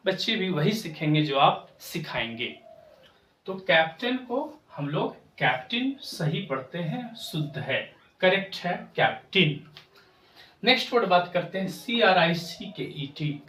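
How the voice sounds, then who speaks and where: Slow-drilling male English teacher. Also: fairly high pitch, fairly bright tone. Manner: slow, repetitive, corrective. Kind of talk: pronunciation lesson to camera. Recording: echoey room, voice from a distance.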